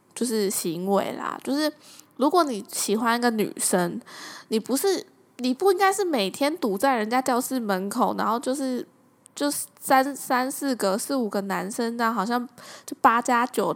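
Podcast host, young Taiwanese woman, slightly high, chatty, laughs often. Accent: Taiwanese Mandarin. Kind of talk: casual storytelling monologue.

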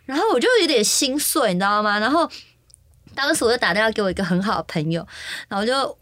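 A woman's voice: on the high side, quick pace, dry recording, studio quality. A Taiwanese woman hosting a podcast, telling a travel story in casual chat with a Taiwanese Mandarin accent and acting out the dialogue. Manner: animated storyteller who acts out quoted dialogue. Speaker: podcast host. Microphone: studio microphone.

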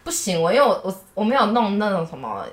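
A woman's voice: medium pitch, very animated, fast talker, reverberant. A woman from Taiwan with a Taiwanese Mandarin accent, telling her own stories animatedly as a podcast co-host, laughing often at herself. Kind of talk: casual chat, storytelling.

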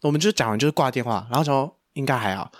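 A man's voice: medium pitch, quick pace. A man in his twenties with a Taiwanese Mandarin accent, co-hosting a casual podcast and telling stories with plenty of slang and swearing. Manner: animated, profane storytelling full of slang. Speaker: podcast co-host. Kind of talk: casual chat.

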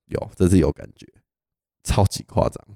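A young man with a Taiwanese Mandarin accent, co-hosting a podcast and telling stories in a lively casual way, laughing often. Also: normal speed, no room sound, clean studio sound. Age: young adult. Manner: animated storyteller, laughs often. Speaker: podcast co-host. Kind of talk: casual storytelling chat.

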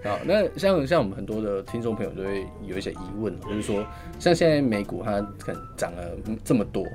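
A male podcast host with a Taiwanese accent talks fast in a fairly low voice. His style is casual and colloquial, full of little interjections, with light guitar music playing underneath. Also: sing-song. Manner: colloquial, frequent short interjections. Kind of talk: casual chat.

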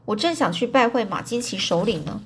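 A woman voicing a calm, fearless young man who speaks with unbothered composure. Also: mid-range voice, a little fast, a little hiss or hum, lightly acted.

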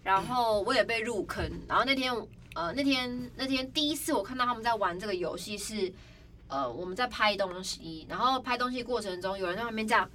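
A young woman hosting a podcast, telling stories in a casual, animated way and acting out other people's cries. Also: on the high side, brisk. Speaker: podcast host. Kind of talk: casual storytelling chat. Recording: slightly distant mic, faint background noise.

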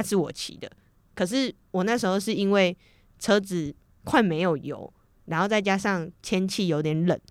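A young woman with a Taiwanese Mandarin accent co-hosts a podcast, chatting casually, acting out both sides of an argument and laughing often. Her voice is fairly low and clean, in a dry recording.

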